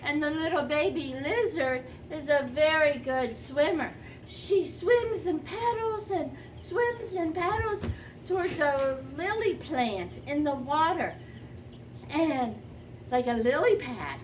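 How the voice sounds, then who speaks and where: Woman playing a gentle grandmother, high-pitched, expressive children's storytelling, lingering repeated words, faint background noise. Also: slow pace, distant mic, low-quality recording. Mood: excited concern. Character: sweet gentle old granny telling a children's story.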